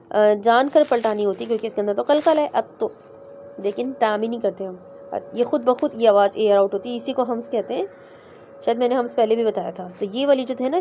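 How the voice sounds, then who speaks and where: A woman teaching Quran recitation in a class, patiently explaining letters step by step and sounding them out slowly. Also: on the high side, dark tone, a little hiss or hum. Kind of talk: online class explaining pronunciation.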